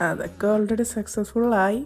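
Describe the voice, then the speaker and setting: Mellow-voiced woman reading a fan drama. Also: mid-range voice, moderate pace. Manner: bantering, teasing dialogue. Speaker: fan fiction audio story reader.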